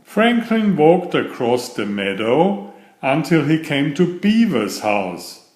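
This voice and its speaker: A man's voice: fairly high pitch, big pitch swings, takes it slowly, a little mellow. A man narrating a children's picture book as a storyteller, reading aloud in a roomy, echoing space. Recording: roomy echo.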